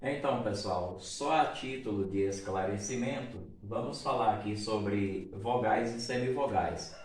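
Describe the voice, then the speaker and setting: A male teacher from Brazil, explaining a grammar lesson and often checking in with his students. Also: on the low side. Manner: explains slowly, checks in with "certo?" and "tá bom?". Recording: echoey room, voice from a distance.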